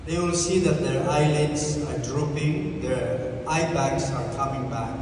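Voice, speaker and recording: A man in his eighties, a plastic surgeon, giving a rambling speech at an event, with unhurried pauses and restarts. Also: medium pitch. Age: 80s. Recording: echoey hall, mic heard from a distance, audible noise.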